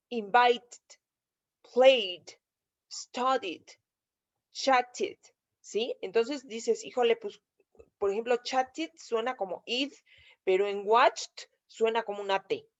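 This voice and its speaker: A Mexican woman teaches in a slightly raised voice, laying out each rule step by step. She keeps pausing to check that her listeners follow. The audio is a bit dull and lo-fi. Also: fairly high pitch. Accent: Mexican Spanish. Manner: patient step-by-step explaining, checks understanding with frequent "¿sí?". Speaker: English teacher. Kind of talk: video lesson explaining grammar.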